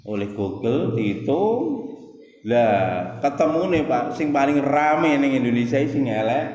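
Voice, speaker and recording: A man's voice: medium pitch, expressive, a little slow, darkish tone. A man with a Javanese accent preaching a sermon, chatting with the congregation and chanting verses in between. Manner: mixes Javanese into Indonesian, addresses listeners as "Pak", chants Quran verses. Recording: echoey hall, long reverb.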